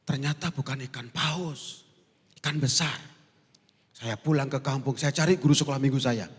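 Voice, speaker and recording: A man preaching as pastor, telling the story in a lively, joking way and acting out the voices in it. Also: mid-range voice, moderate pace, breathy edge. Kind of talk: sermon. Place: large church hall. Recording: long church hall reverb.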